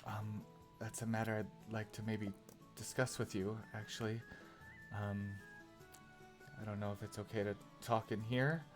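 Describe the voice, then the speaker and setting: Guy playing a timid elf lady, middle aged, stammers a lot, quiet and low, some music in the back. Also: little pitch movement, a little slow, long pauses, natural voice. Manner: stammering, hesitant, soft-spoken. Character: shy middle-aged elf woman asking for help.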